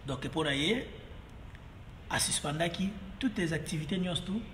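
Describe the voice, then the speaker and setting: A man's voice: a little high, expressive, a little slow, fairly bright tone. Congolese guy rambling on, lots of fillers and repeats, roomy echo, faint background hum. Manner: rambling, mixing French and Lingala, many fillers and repeats. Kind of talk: casual monologue to camera. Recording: roomy echo, long reverb, faint ambience.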